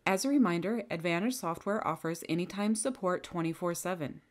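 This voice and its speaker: A software trainer with a medium-pitched voice talks viewers through a scripted screen-recording tutorial, giving calm, methodical instructions step by step.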